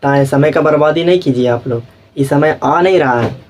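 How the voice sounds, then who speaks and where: A man's voice: fairly high pitch, normal speed, a little hiss or hum. A young man teaching a school class, lecturing as he goes and checking again and again that his students follow, sometimes acting out the children and parents he talks about. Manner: asks "samjhe?" after nearly every point.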